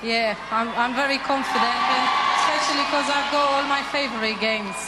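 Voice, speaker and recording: A woman's voice: high-pitched, fairly even intonation, normal speed, over a noisy crowd, heavy background noise. A woman from Romania, a game show contestant giving plain, confident interview answers with some hesitation. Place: large indoor arena.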